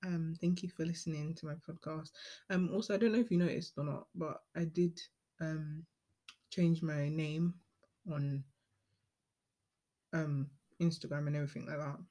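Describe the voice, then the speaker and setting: Late-teen woman, relaxed solo podcaster, chatty and meandering, corrects herself often. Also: low voice, normal speed, long pauses. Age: late teens. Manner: chatty, rambling, many ums and self-corrections. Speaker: podcast host. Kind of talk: casual solo podcast monologue.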